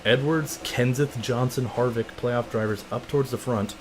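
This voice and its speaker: Excitable young man calling a race. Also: mid-range voice, normal speed, a little hiss or hum. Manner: excitable play-by-play, announcer-like. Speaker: gaming streamer. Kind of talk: live racing game commentary.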